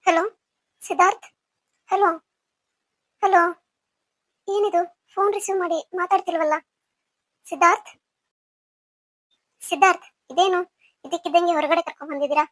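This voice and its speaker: Woman doing a scheming young woman, high sweet voice, coaxing, dry close sound. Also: fairly even intonation, moderate pace, pauses often, fairly bright tone, no echo.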